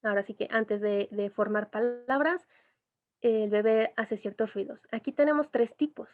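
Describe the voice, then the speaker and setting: A woman's voice: a little high, moderate pace. Woman explaining, tinny phone-like sound. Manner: patient, explains with asides and imitated baby sounds. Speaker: educational psychologist. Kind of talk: explanatory online talk.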